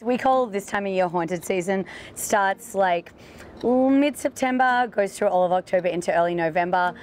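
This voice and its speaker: A woman's voice: mid-range voice, normal speed, a little mellow, a little hiss or hum. A woman ghost tour guide explaining things casually in an interview, with an informal, wry way of talking.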